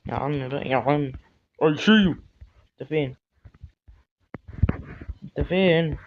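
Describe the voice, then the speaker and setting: A young man with an Egyptian Arabic accent, giving loud, excitable commentary on a horror game and yelling at its characters. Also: fairly high pitch, takes it slowly, muffled recording, slight background noise. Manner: excitable, talks to game characters and swears at them. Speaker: gamer.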